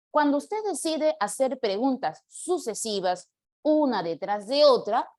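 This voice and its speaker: A fairly high-voiced woman teaches punctuation in a live online class. She explains patiently, slowing down to read example questions aloud and answering students by name. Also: darkish tone. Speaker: language teacher.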